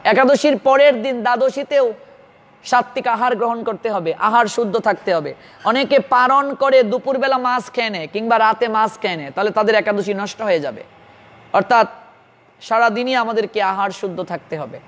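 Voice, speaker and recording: A man with a Bengali accent preaches an earnest devotional sermon in a very high voice. He instructs his listeners directly. A long reverb trails each phrase, as in a large hall. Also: moderate pace, a bit bright.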